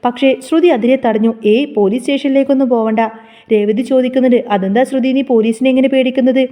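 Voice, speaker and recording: High, fast-talking woman recapping a serial. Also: fairly even intonation, dark tone. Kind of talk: retelling a TV serial episode.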